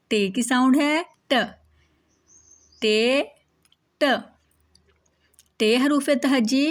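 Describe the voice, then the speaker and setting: A woman with an Urdu-speaking Pakistani accent gives a children's alphabet lesson in a slightly high voice. She speaks slowly and patiently, saying each sound twice. She poses a question and then answers it herself. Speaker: teacher.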